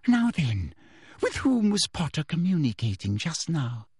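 A man voicing a smug, menacing middle-aged woman official with a breathy, simpering delivery, in an audiobook story. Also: on the high side, wildly swooping pitch, unhurried, darkish tone, no room sound, clean studio sound, heavily acted. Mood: triumphant.

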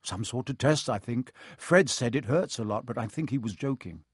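A man voicing a nervous young boy who speaks low and unsure. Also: moderate pace, slightly rough, no room sound, clean studio sound, close to an everyday voice.

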